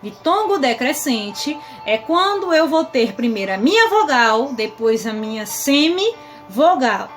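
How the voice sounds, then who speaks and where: High-voiced Brazilian teacher giving a lesson. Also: female voice, very animated, unhurried, fairly bright tone, faint music behind. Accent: Brazilian Portuguese. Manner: affectionate, asks pupils' questions aloud herself. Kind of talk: online grammar lesson for sixth grade.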